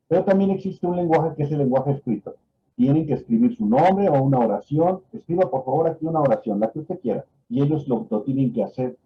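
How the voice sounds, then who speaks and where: A man's voice: medium pitch, dull audio. A man giving a medical lecture, explaining patiently and tagging his points with "¿no?" and fillers. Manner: explanatory, with frequent fillers and "¿no?" tags. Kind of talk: lecture on a neurological exam. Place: online class.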